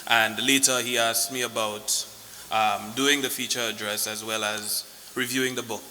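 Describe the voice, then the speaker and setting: A man gives a podium speech as a guest lecturer in a deliberate manner. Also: medium pitch, fairly even intonation, sharp tone. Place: large echoing room at a book launch. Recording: echoey hall, noisy hiss.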